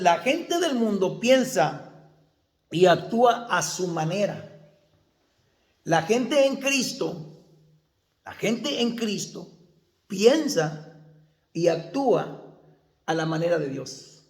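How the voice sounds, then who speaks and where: A man's voice: sits high, big pitch swings, slow pace, pauses often, reverberant. A male pastor preaching a sermon, asking the congregation questions and answering them himself.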